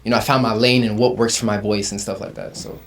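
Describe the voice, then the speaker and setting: This interview guest is a twentysomething rapper from Uganda with a fairly low voice and a quick pace. His talk is casual, relaxed, and packed with slang, and he says "you feel me" often.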